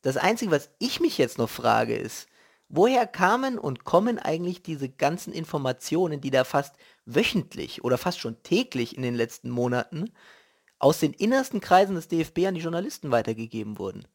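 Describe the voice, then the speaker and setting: A man with a somewhat high-pitched voice rants about football in an indignant, emphatic way. His wording is colloquial and opinionated, and he hammers home short phrases by repeating them. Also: sing-song, a little fast, creaky. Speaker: host of a football commentary show.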